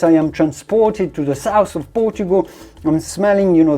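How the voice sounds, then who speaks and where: Wine reviewer: dark, relaxed tone, descriptive and emphatic delivery, presenting a tasting as an enthusiastic connoisseur. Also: mid-range voice. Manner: effusive, descriptive, emphatic with repeated superlatives. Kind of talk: presenter-style product review and tasting commentary.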